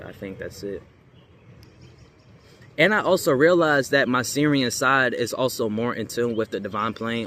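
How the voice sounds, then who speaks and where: A young American man who makes spiritual videos speaks in a mid-range, fairly bright voice, talking casually and off the cuff to viewers. Background noise is clearly audible, and his style is slangy and rambling with emphatic repetition.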